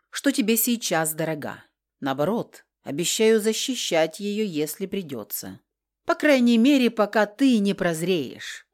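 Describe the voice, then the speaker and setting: Audiobook: a proud, sly nonhuman man, read by a woman, smoothly mocking. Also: lowish voice, darkish tone, lightly acted.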